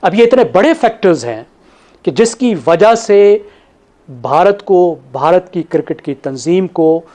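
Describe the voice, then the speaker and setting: A man on a TV panel, laying out his analysis point by point in a measured way. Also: sits high, lively intonation, warm tone. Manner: measured, listing points in order.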